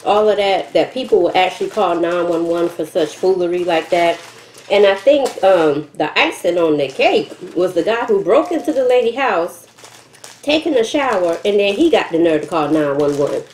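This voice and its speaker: A woman's voice: lowish voice, lively intonation, normal speed, a little mellow. A woman in her thirties talking casually to camera while eating, chewing between and through her words. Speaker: mukbang vlogger. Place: indoors at a table, kitchen setting. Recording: roomy echo with faint noise.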